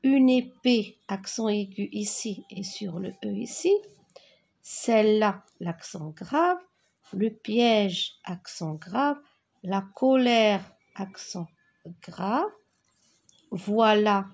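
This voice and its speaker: A woman teacher going slowly through a spelling exercise, dictating words and naming each accent mark. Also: medium pitch, animated, vocal fry, darkish tone, breathy edge. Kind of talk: worksheet correction lesson.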